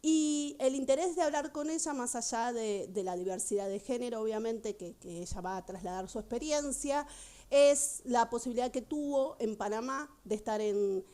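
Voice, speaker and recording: A woman conducting an academic interview, asking questions in a measured, explanatory way. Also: fairly high pitch, darkish tone.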